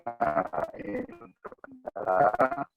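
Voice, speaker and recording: A man giving an online presentation, his voice cutting in and out over a choppy video call, talking haltingly with many fillers. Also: lowish voice, big pitch swings, phone-quality sound, faint music behind. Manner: halting, with frequent fillers and restarts. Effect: choppy, breaking-up video call audio. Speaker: webinar presenter. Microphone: computer mic on a video call.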